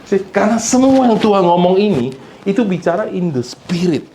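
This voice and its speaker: A man's voice: sits high, very animated, fairly quick, slight background noise. Man preaching in an echoey church hall. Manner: switches between Indonesian and English phrases, asks the congregation for responses; acts out quoted people, sometimes loud and shouting. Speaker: pastor. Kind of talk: sermon.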